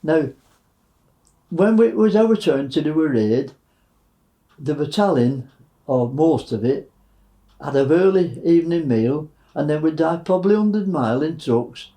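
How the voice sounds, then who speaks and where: A man in his nineties, a war veteran recounting wartime memories in a halting way, with many fillers. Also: fairly high pitch, animated, dark tone, poor audio. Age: 90s.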